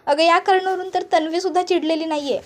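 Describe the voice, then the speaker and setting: A woman's voice: very high voice, steady tone, fast talker, a little hiss or hum. A woman voicing a busy young male doctor who placates his mother. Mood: placating.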